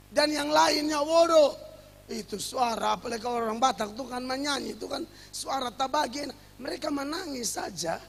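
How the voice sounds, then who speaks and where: A pastor delivers a lively, humorous sermon. His voice sits unusually high and carries a gravelly rasp. The long reverb of a church hall trails every phrase. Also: a little hiss or hum. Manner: lively preaching with humor and acted quotes.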